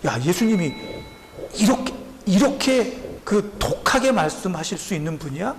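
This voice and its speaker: A male pastor preaching a sermon to his congregation, animated and acting out the people in the story. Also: high-pitched, normal speed, a little hiss or hum. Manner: speaks directly to the congregation. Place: church sanctuary. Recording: echoey church hall, faint ambience.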